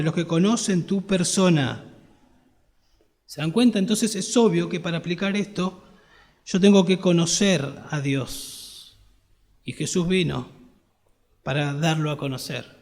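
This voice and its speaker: A man's voice: high voice, darkish tone. A man with an Argentine accent, a pastor preaching an earnest sermon that swells to emphatic peaks. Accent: Argentine Spanish. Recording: long reverb of a church hall.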